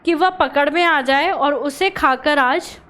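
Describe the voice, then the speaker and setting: A starving, gloomy male crocodile who begs his friend for help, as a woman puts him on. The voice stays high-pitched. It is read aloud as a children's storybook play. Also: takes it slowly, fairly bright tone. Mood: hungry. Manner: pleading.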